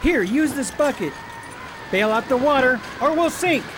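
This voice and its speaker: A man's voice: extremely high pitch, animated, moderate pace, background noise. A man playing an earnest, plain-spoken young prince and boy sailor in a radio play. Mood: urgent. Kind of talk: theatrical radio play acting.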